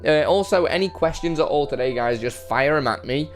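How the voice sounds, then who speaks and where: A man's voice: fairly high pitch, fairly quick, faint music behind. A man chatting casually on a live stream, rambling and self-deprecating as he greets viewers by name and answers their questions. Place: his brother's home.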